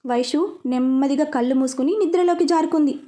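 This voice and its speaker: A woman reads a serialized story aloud with a clearly high voice. Her delivery is lively and steady, carrying the narration between the scenes. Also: fairly quick.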